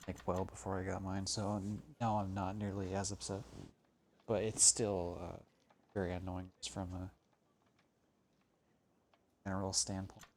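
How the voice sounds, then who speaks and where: A man's voice: sits low, little pitch movement, unhurried, pauses often, a little mellow, slight background noise. A man streaming a game, thinking aloud and grumbling with frequent swearing. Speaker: gaming streamer. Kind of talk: casual gameplay commentary.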